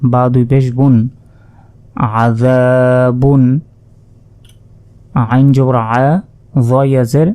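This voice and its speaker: A man teaching Quran reading, spelling out Arabic syllables patiently and chanting each word slowly. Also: medium pitch, level tone, dark tone, no room sound. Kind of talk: spelling out Arabic letter by letter, slow recitation lesson.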